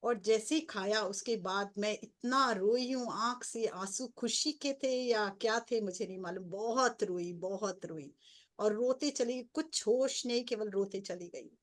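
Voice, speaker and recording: A woman's voice: fairly high pitch, unhurried, few pauses. A middle-aged woman, a spiritual coach, earnestly recounting her spiritual experiences as a personal story. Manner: earnest storytelling, grows excited and breathless. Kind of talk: personal testimony.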